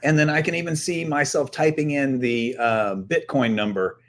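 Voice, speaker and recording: A man's voice: medium pitch, fairly even intonation, moderate pace. Casual storytelling man, podcast co-host. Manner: storytelling, laughing and swearing. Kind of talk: casual chat.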